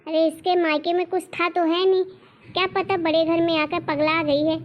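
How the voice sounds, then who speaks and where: A woman does cartoon voice acting as a harsh mother-in-law, scolding and hurling shrill insults. Her delivery is flat at a moderate pace, and the lo-fi recording has a little hiss or hum.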